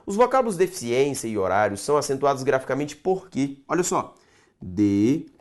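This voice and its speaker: A man's voice: medium pitch, sing-song, fast talker. A man teaching a grammar lesson for exam prep, stretching out syllables and asking himself rhetorical questions.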